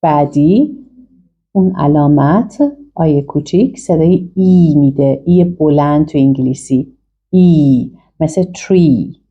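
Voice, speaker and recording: Female English teacher, low and husky, patient step-by-step explanations, lo-fi recording. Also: dark tone. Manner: explains step by step and models phrases for learners to repeat. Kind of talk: online language lesson.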